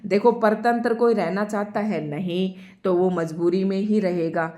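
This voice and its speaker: A woman leads an online grammar lesson in a voice of ordinary, mid-range pitch. She works through each term patiently and says her example sentences twice, slowing down so the class can follow. She keeps speaking straight to her learners. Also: steady tone, mellow. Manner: explains step by step, repeats example sentences slowly; addresses students directly. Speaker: Hindi grammar teacher.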